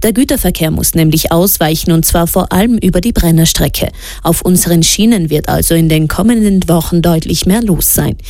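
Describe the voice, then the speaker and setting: Low, mellow woman reading radio news. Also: no room sound. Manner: steady, measured delivery. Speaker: news presenter. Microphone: studio microphone.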